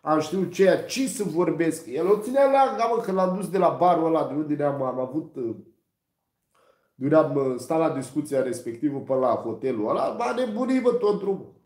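Swearing storyteller man, roomy echo. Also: on the high side. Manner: rough slangy talk with frequent swearing, animated quoting of others. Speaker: vlogger telling stories on a live stream. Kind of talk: casual storytelling.

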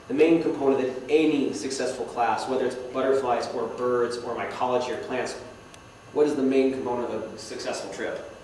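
A young guest speaker with a mid-range, darkish voice gives a casual slideshow talk to a club in a meeting hall, teasing himself and asking the audience questions. He sits far from the mic, so the echoey hall and faint noise come through.

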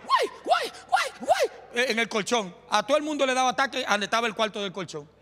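A man preaching a sermon in a church, impassioned and often shouting, with joking asides. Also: very high voice, lively intonation, fast, some chatter behind. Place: church sanctuary. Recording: long hall reverb with faint music.

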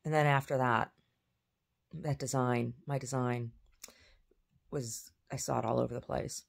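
A woman's voice: very deep voice, steady tone, unhurried, gravelly. A woman vlogging in a casual, rambling way, often trailing off and restarting her sentences.

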